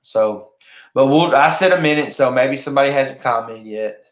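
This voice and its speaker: Speaking at a normal speed in a mid-range voice, this livestream host of a fishing giveaway chats loosely with his audience and keeps circling back to the same points. The audio carries an echoing, roomy room sound.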